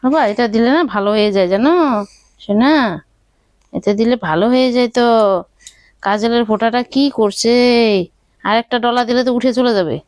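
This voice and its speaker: A woman's voice: a little high, a little fast, long pauses, a little mellow, no echo, clean studio sound. A young woman vlogging at home, coaxing and soothing her baby in sing-song baby talk. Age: young adult. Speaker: vlogger, new mother. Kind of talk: casual vlog talk to her baby and viewers. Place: village home, indoors.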